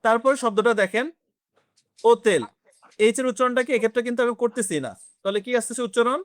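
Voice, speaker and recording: A man's voice: very high voice, dry recording, studio quality. A man teaching a beginners' French class, explaining step by step and quizzing his students. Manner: explains slowly, quizzes the class, mixes in English words. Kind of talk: classroom lesson.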